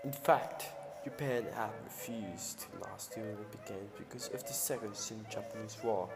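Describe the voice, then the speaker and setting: A man's voice: fairly low pitch, moderate pace. A man narrating in the manner of an old newsreel, with a solemn announcer delivery and slightly awkward phrasing. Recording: roomy long reverb over clear music.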